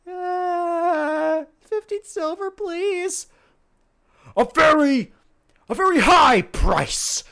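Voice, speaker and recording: A man's voice: extremely high pitch, animated, drawn-out words, creaky, pushed and bright, pitched above the performer's own voice, heavily acted. A man voicing a very nervous little gnome shopkeeper in a tabletop game, stammering and hesitant. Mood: timid, anxious.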